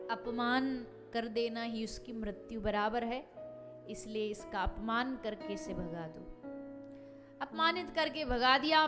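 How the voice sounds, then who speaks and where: A woman scripture storyteller giving a devotional sermon, telling the stories in a dramatic, emphatic way. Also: a little high. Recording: reverberant hall, faint music behind.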